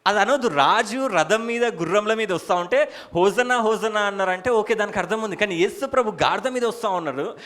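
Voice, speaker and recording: A man preaching a church sermon in a Telangana Telugu accent, with shouted hallelujahs and rhetorical questions. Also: sits high, a little fast. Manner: soft murmured prayer at the start. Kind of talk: church sermon with opening prayer.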